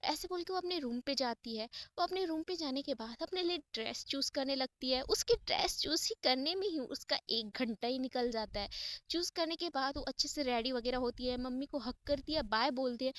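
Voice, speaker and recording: A woman telling a story in a chatty, offhand manner, dropping English words into her sentences. Her voice is high, and the recording is close and completely dry. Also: normal speed, a bit bright, no echo. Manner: chatty, mixes English into Hindi. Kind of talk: casual spoken storytelling.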